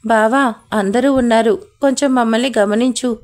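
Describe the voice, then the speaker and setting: A man's voice: very high voice, steady tone, normal speed. A woman voicing a fond, affectionate young husband in a spoken family story. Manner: fond, coaxing.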